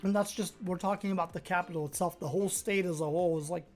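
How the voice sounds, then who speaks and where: Born in Brazil with Portuguese as her first language, this woman speaks with a mostly American accent carrying a slight Brazilian touch. She streams a game and chats with viewers in a relaxed, rambling way, thinking aloud, her lowish voice moving fast over faint background music.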